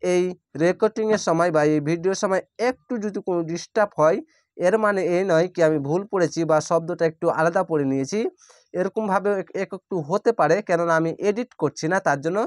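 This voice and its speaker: A man teaching Quran reading, spelling out each syllable slowly and then blending it into the word. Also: high-pitched, no echo, clean studio sound. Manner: draws out recited words very slowly. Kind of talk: slow letter-by-letter recitation lesson.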